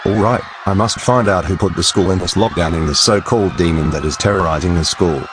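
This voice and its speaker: A man's voice: low voice, a little fast, noisy background, lightly acted. A man playing a grumpy middle-aged male school staffer who talks bluntly and grumbles. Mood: grumbling.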